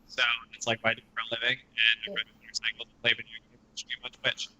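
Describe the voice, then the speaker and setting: Guest in his twenties, low-key and flat, bright edgy tone through an overdriven clipping mic. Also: quick pace. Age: 20s. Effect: clipping, distorted mic. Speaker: podcast guest. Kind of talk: casual chat. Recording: distorted, clipping lo-fi mic on a remote call.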